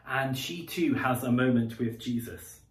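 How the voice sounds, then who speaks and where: Man preaching in an echoey hall. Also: mid-range voice. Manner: conversational, reflective, with frequent pauses and fillers. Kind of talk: sermon. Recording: roomy echo, distant mic.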